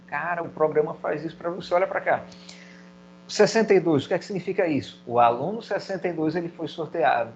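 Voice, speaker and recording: A man's voice: on the high side, quick pace, highs cut off, a little hiss or hum. Man teaching a recorded video lesson. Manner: explains step by step, voices student questions. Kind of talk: video lecture.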